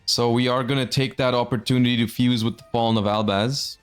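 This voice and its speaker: A man's voice: mid-range voice, steady tone, a little fast, clean tone, soft background music. A man hosting and commentating a live card game tournament in a conversational, explanatory announcer manner.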